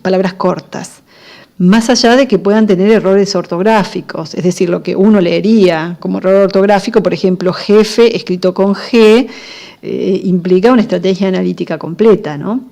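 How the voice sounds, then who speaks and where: Argentine woman lecturer, warm low-key timbre, patient explanatory delivery full of pauses. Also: gravelly. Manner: explanatory, frequent fillers and pauses. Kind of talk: recorded lecture on literacy.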